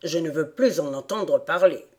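A woman reading an audiobook, voicing a frightened, indignant male rat in a low voice. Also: lively intonation, normal speed, darkish tone, muffled recording.

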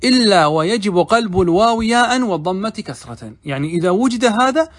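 A man with a fairly high voice gives a classroom grammar lesson. He keeps asking his listeners questions and answers them himself. When he reads passages from the text, he slows down to a careful, deliberate pace. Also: expressive. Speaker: sheikh teaching Arabic grammar.

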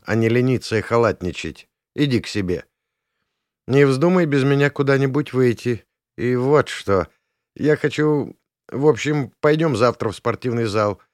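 A man's voice: medium pitch, a little mellow, no echo, clean studio sound, lightly acted. A man voicing a young woman, a blunt and bossy wrestler, speaking in curt commands.

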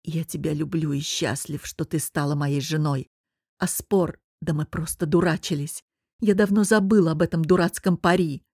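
A woman's voice: moderate pace, darkish tone, dry recording, studio quality, natural voice. A woman reading an audiobook voices a stubborn young husband who growls his words through his teeth. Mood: pleading. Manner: low growling insistence.

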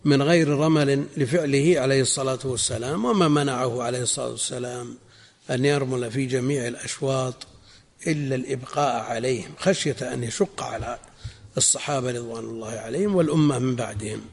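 Gravelly scholar teaching in a reverberant hall. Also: male voice, medium pitch. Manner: measured, explanatory, repeats phrases for emphasis. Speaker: Islamic scholar teaching a text. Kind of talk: religious lesson explaining a text.

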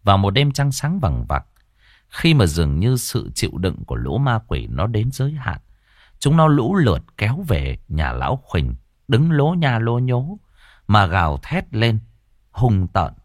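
A male horror narrator with a low voice tells a ghost story dramatically, swinging his pitch up and down with each turn. The recording is dry and close, with no room sound at all. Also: sing-song, a little slow, no echo.

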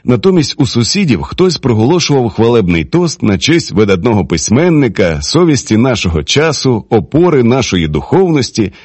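A man narrating an audiobook in a lively, dramatic reading style. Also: mid-range voice, normal speed, hardly any pauses, slightly rough, no room sound. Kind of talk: expressive literary narration.

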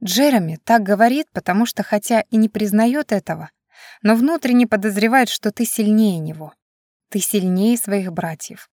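Soft-spoken loving mother, read by the woman narrator, tender half-whisper, dry sound. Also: mid-range voice, animated, normal speed, dry recording, close to an everyday voice. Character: gentle loving mother comforting her little daughter.

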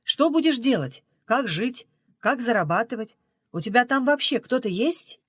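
In an audiobook, a weary middle-aged man speaks gruffly and with dry irony, as a woman reader voices him. His lecturing tone swings lively up and down, and the recording is dry and close. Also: fairly high pitch, normal speed, no room sound, voice pushed up. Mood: grim.

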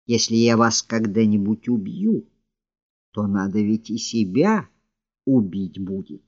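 A man's voice: lowish voice, measured pace, darkish tone, no echo, highs cut off. A man voicing a desperate, obsessive lovesick young man in an audiobook, speaking with pleading passion. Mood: impassioned. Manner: impassioned, pleading, rising to outbursts. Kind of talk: audiobook reading of a classic novel.

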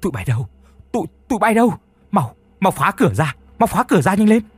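A man's voice: medium pitch, brisk, a bit bright, no echo, faint music behind, natural voice. A man voicing a domineering wealthy older woman who barks orders and stammers in panic. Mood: panicked shrieking.

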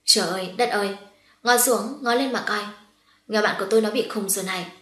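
Woman reading as a brash, loud young woman. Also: mid-range voice, echoey room, close to an everyday voice. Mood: teasing. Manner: loud exclamations, quick retorts. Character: spirited young woman, blunt and teasing.

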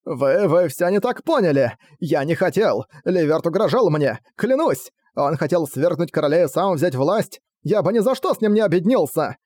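A man's voice: on the high side, big pitch swings, takes it slowly, hardly any pauses, no echo, heavily acted. A man voicing a cowardly male diplomat who stammers and begs for mercy. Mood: pleading. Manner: stammering, pleading. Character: cowardly male diplomat begging for his life.

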